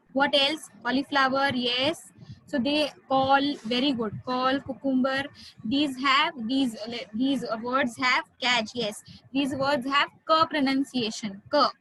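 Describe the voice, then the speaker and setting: Indian woman French tutor, high voice, slow and patient, mixes in Hindi. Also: bright, forceful tone, no echo, low-quality recording. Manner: explains slowly, switches into Hindi, spells words out. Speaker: French teacher. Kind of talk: online class teaching.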